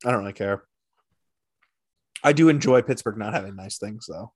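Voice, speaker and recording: A man co-hosting a hockey podcast, chatting casually with a friend, animated and teasing, with quick bursts of excitement. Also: fairly low pitch, husky. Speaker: podcast co-host. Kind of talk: casual sports chat.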